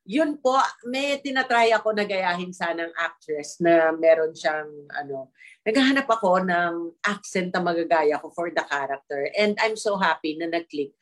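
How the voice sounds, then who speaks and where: A middle-aged actress chatting casually as a guest, telling animated stories and laughing often, slipping English into her talk. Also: lowish voice, moderate pace. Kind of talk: casual chat in an online interview.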